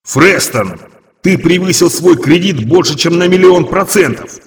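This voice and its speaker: A man voicing a menacing male demon creditor with an echoing demonic voice effect, loud, slow and commanding. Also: high-pitched, expressive, gravelly, voice pushed up, full character voice. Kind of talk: audiobook reading.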